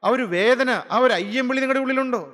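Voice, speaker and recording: Male preacher with a high, bright voice, fervent sermon full of rhetorical questions, long hall reverb. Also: fast. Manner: impassioned, piling up rhetorical questions and repeated phrases. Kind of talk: gospel sermon.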